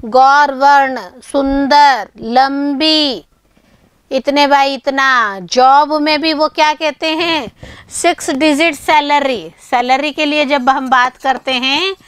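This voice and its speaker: Woman, English grammar teacher, high voice, slow deliberate delivery, dry close sound. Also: steady tone, a bit bright, dry recording. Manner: addresses students as children, asks and answers her own questions; reads English lines slowly and deliberately. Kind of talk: online grammar lesson.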